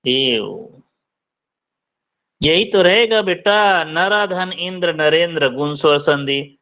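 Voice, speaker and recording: A male teacher with a fairly high, bright and forceful voice talks at an unhurried, deliberate pace. He spells out sounds one by one and keeps asking his students questions. The sound is dull and lo-fi. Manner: drills letters slowly, quizzes students. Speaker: Hindi grammar teacher. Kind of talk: online class lecture.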